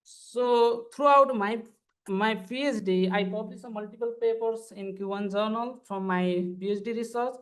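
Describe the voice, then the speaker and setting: His voice sits high and moves at a normal speed as he, a PhD student from Nepal, walks through his slides one at a time. The conference panel talk is earnest and formal.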